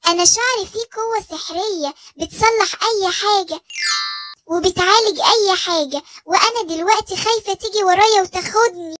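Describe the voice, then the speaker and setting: A woman's voice: very high-pitched, fairly quick, a bit bright. A woman with an Egyptian Arabic accent voicing a sweet, timid young girl with magic hair in a children's cartoon story. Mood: anxious.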